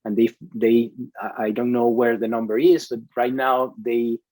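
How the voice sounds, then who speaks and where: A man's voice: medium pitch, fairly even intonation, moderate pace, mellow, no room sound, rough recording. Venezuelan-born man, dry close voice. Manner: hesitant, many restarts and fillers. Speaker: CTO, interview guest. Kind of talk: conversational interview.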